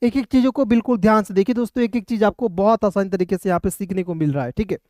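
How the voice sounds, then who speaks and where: Male English tutor, patient and repetitive, spells words out and quizzes himself; light voice, soft tone. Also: high voice, fast talker, dry recording, clean studio sound. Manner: spells words out letter by letter, then asks and answers his own question; patient, repetitive, often says "clear" and "friends". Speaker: English teacher. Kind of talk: step-by-step spelling and pronunciation lesson.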